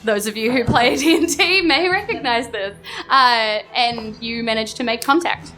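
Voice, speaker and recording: Her voice a little high, bright and forceful, a woman from New Zealand narrates a live tabletop game at moderate pace as game master, live on a club stage. She keeps it casual and playful, rephrasing often as she improvises, with music under her voice.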